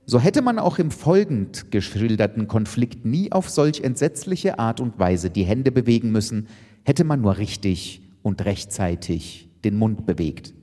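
Fields: Sex: man. Style: slow, lively comic narration. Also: fairly low pitch. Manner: deliberate, lively and playful narration. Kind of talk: comic storytelling reading. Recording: long hall reverb.

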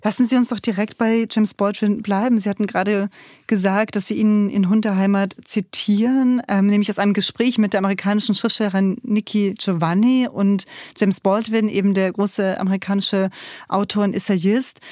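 A woman hosts a radio interview in a composed, articulate way. She frames the topics and asks her guest clear questions. The studio sound is close and dry. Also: mid-range voice, darkish tone, no echo.

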